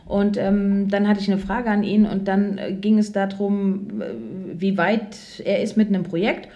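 Speaking at normal speed in a flat, dark, mid-range voice, a woman co-hosts a podcast and shares personal anecdotes casually. She leans on tag questions like "ne?" and "so". The audio is dull.

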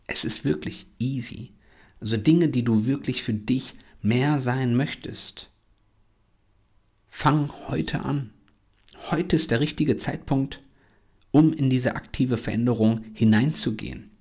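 A man's voice: mid-range voice, slow pace, darkish tone, breathy edge. A man hosting a podcast, giving an earnest motivational monologue and repeating self-affirmations. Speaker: podcast host.

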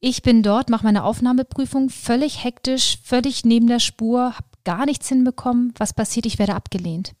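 A woman's voice: a little high, normal speed, hardly any pauses, dry recording. Lady guest on a podcast telling her story, lots of ums and restarts, dry close sound. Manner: lively, with many fillers and restarts. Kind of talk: personal storytelling in conversation.

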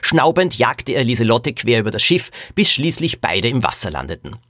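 A man hosting a podcast, reading a children's mystery aloud and addressing his listeners in a lively storytelling manner. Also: mid-range voice, normal speed, dry recording, clean studio sound.

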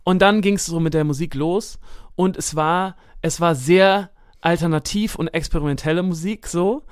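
A man's voice: fairly high pitch, normal speed, smooth, no room sound, studio quality. A man co-hosting a podcast in casual chat, rambling a little, often repeating himself and agreeing with his co-host.

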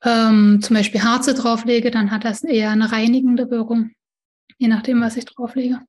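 A woman's voice: on the high side, little pitch movement, moderate pace, a little mellow. German woman explaining smoke-cleansing herbs. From East Germany. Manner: demonstrates objects while talking, frequent self-corrections. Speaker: herbal smoke-cleansing practitioner. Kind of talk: casual explanatory chat.

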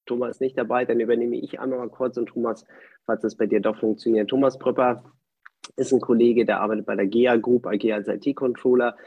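A man's voice: mid-range voice, fairly even intonation, brisk, slightly rough, no room sound. A man from Spain introducing himself and colleagues at an online book launch in a friendly, upbeat way. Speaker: panelist. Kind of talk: online launch event presentation. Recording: dull dry online call audio.

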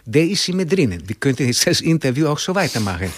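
A man's voice: a little high, very animated, quick pace, husky, dry recording, studio quality. A man voicing a cheerful, chatty man who greets the audience formally. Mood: jovial. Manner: jovial, addresses the audience formally. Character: chatty Greek man, espresso-loving, cheerful.

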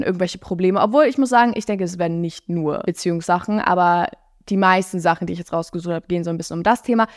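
A nineteen-year-old woman hosting her podcast, chatting in an excitable, bubbly way and mixing in English slang. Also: lowish voice, dry recording, studio quality. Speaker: podcast host. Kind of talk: casual chat.

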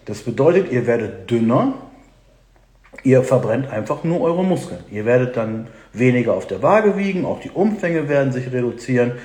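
Male fitness host, live-stream chat, animated and direct, mid-range voice. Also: mid-range voice, normal speed. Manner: lively, explanatory, addresses viewers directly. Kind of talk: live-stream talk to viewers.

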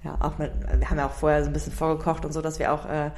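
Speaking low and level, this podcast co-host talks rapid-fire in a slightly mellow tone. She's a young woman in casual conversation about early motherhood, leaning heavily on fillers and tag questions.

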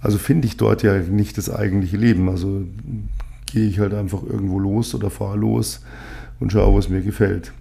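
Husky and creaky, with a fairly low pitch, this Munich-born agency owner in his fifties hosts a laid-back solo podcast. He speaks at an ordinary pace, wandering from point to point and leaning heavily on filler words.

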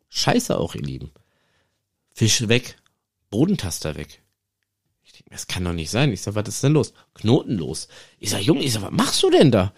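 A man's voice: on the low side, breathy edge. A man hosting a fishing podcast, casually retelling a night of angling and acting out the dialogue with his friend. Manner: lively anecdotal retelling, acts out dialogue. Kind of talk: casual storytelling to listeners.

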